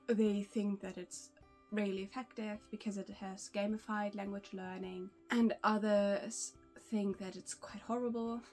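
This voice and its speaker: A young woman, a native German speaker, chats casually to camera in English about learning languages, often restarting and laughing softly. Her medium-pitched voice is creaky and slightly mellow.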